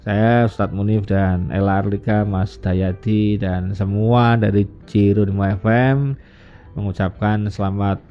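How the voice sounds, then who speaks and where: Indonesian radio preacher acting out stories. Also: male voice, fairly even intonation, unhurried. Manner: acts out dialogue with raised pitch. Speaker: religious teacher on radio. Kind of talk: storytelling sermon. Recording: dull lo-fi radio sound with faint music.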